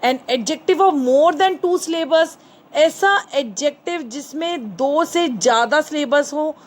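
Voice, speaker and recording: A woman with a high, light voice and an Indian English accent teaches a grammar lesson for children. She speaks slowly and deliberately, switching between Hindi and English and posing questions that she then answers herself. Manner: patient, asks questions and answers them herself; calls listeners "children", mixes Hindi and English. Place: indoors, screen recording.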